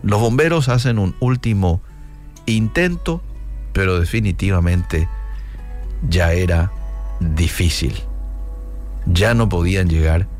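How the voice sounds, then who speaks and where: A man telling a story in a radio devotional, speaking slowly and dramatically and addressing listeners directly. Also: low voice, darkish tone, faint music behind.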